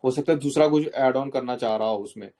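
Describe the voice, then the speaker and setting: A man coaches students through interview etiquette in a mid-pitched, everyday voice. He lays out each point step by step, slips English terms into Hindi and keeps checking that his listeners follow. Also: quick pace, warm tone. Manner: instructs step by step, often checks in with "okay?".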